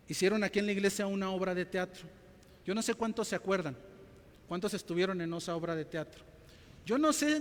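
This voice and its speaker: A man's voice: high-pitched, long reverb tail. A male pastor preaching a sermon to his church, telling stories and acting out quotes, often calling out to his brothers and sisters. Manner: storytelling preacher, acts out quotes, addresses "mis hermanos".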